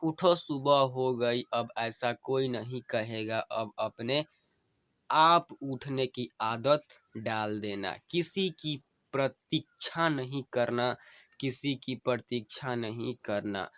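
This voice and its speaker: Dying wife's gentle farewell read by a man, smooth clear tone, unhurried, each plea said twice. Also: medium pitch, no echo. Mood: tender. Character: dying wife pleading with her husband. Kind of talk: emotional story reading.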